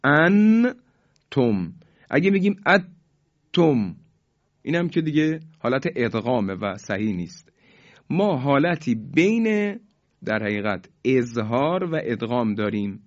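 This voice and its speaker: A man teaching Quran recitation rules, formal and polite, drawing out the example words slowly for listeners to repeat. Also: mid-range voice, sing-song, a little mellow, highs cut off. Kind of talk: tajweed lesson with recited examples.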